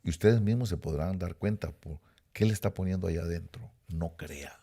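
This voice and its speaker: A man's voice: low voice, moderate pace, warm tone, slightly rough. A middle-aged man preaching a sermon, emphatic and repetitive, speaking straight to his listeners. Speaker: pastor.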